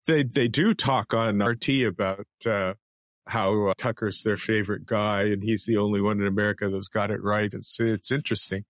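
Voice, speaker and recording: A man's voice: fairly low pitch, moderate pace, no echo, studio quality. Man hosting a political cartoon chat. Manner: animated, reads out cartoon captions. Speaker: host.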